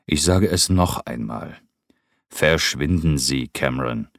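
A man's voice: rumbling low, slow pace, a bit bright, dry recording, clean studio sound, heavily acted. A man reading an audiobook and voicing a weary, bitter nobleman who answers with curt, resigned retorts. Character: weary, bitter aristocratic man, tired of life.

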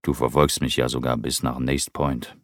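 A man's voice: a bass voice, level tone, moderate pace, dry recording, studio quality. A man reading an audiobook and voicing a weary, bitter nobleman who answers with curt, resigned retorts. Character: weary, bitter aristocratic man, tired of life.

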